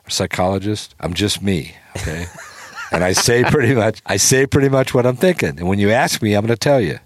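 A man's voice: fairly low pitch, brisk, dry recording, studio quality. A man casually telling a long anecdote, acting out quotes and swearing freely. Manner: animated storyteller, acts out quotes, swears freely. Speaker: storytelling guest.

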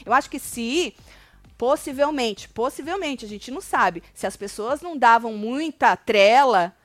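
Lively Brazilian woman dishing reality TV gossip. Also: on the high side, measured pace. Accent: Brazilian Portuguese. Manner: animated retelling, acts out quotes of others. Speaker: reality show commentator. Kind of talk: casual gossip commentary.

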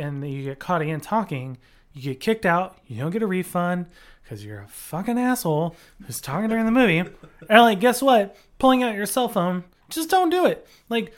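A casual podcast co-host who rants heatedly and swears freely. The speech rambles, full of "like" and "um", at a middle pitch. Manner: profane, ranting, heated; rambling with many fillers.

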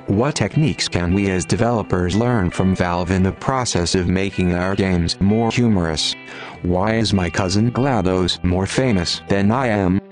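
Male computer voice as a gentle, calm robot announcer, performed by a man; low, flat text-to-speech tone over soft guitar. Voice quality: flat, measured robotic delivery. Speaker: podcast intro announcer. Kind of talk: scripted intro announcement.

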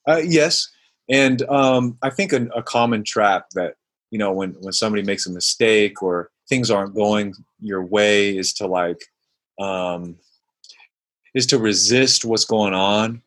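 In the interview, the guest, formerly a basketball player and now a mindfulness coach, talks a little slowly in a lowish, slightly bright voice. He answers in a searching, reflective manner, full of fillers and restarts, now and then dramatizing his own inner voice.

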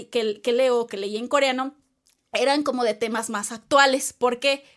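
A woman with a Mexican Spanish accent, co-hosting a casual chat in a chatty, playful way with lots of fillers and asides. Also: high voice.

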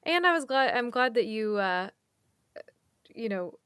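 Woman interviewer, smooth clear voice, dry close sound, attentive and encouraging. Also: a little high, lively intonation, measured pace, a bit bright, dry recording. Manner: attentive, brief reactions and encouraging remarks. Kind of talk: casual interview.

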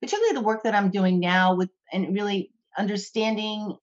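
A woman podcast guest telling animated, rambling anecdotes in casual conversation. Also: mid-range voice, a little fast, highs cut off.

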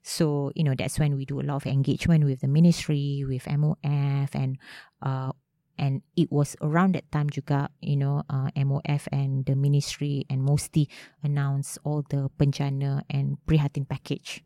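Malaysian female interviewee, Manglish with Malay particles, informal, dark warm tone, dry sound. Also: rumbling low, little pitch movement, normal speed, dry recording. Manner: Manglish, mixing Malay words and particles into English; informal, frequent "you know". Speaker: interview guest, head of a startup agency. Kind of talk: conversational interview answers.

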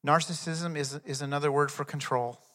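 Bright-voiced emphatic male preacher. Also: fairly high pitch, steady tone, fairly quick, big-room sound. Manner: emphatic, swells loud then drops to a soft prayer. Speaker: pastor. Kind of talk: sermon.

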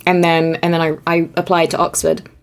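A woman's voice: on the low side, completely flat delivery, brisk, a little hiss or hum. A young woman from Austria, a guest in an interview, talking chattily with frequent laughs and restarts. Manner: chatty, self-deprecating, laughs often, many restarts. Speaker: guest, narrative designer. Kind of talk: conversational interview.

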